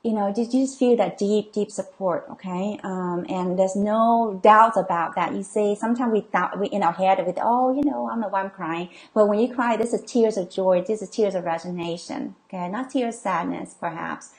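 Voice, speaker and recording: A middle-aged woman coach talks to her live-stream audience and reads out their comments. Her voice sits at an ordinary middle pitch. She speaks in a reassuring way, full of fillers and checking "okay?" after her points. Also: moderate pace, hardly any pauses. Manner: reassuring, many okays and ums, reads comments aloud. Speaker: coach and healer hosting a live session. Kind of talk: live-stream talk reading viewer comments.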